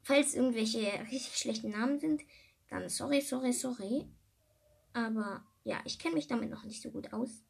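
A woman's voice: fairly high pitch, normal speed, vocal fry, slightly rough. A woman hosting a casual podcast from home, rambling with many fillers and repeated words. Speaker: podcast host.

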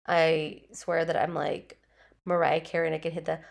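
A woman's voice: sits low, little pitch movement, moderate pace, vocal fry. A woman hosting her own podcast from home in a casual, rambling way, swearing freely and saying "like" a lot, her nose still stuffy and her voice just back after a cold. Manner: chatty, swears freely, leans heavily on "like". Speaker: podcast host. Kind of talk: casual solo podcast chat. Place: at home with her dogs nearby.

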